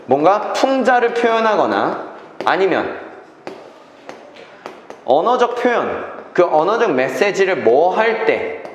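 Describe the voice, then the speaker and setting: A man's voice: sits high, big pitch swings, takes it slowly, long pauses, a little hiss or hum. A man teaching an English reading class, checking in with students and repeating key phrases. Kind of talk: classroom lecture. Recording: echoey classroom reverb.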